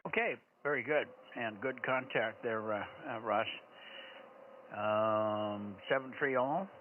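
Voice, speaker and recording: A man keeps an amateur radio net moving in a relaxed, matter-of-fact way, swapping call signs and signing off with "over". His voice arrives fuzzy and slightly distorted through a narrow, tinny radio channel. Loud static hisses and crackles under every word. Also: on the low side, slow pace. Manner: relaxed, ends turns with "over". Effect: slightly fuzzy, distorted radio signal. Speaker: net control operator on ham radio.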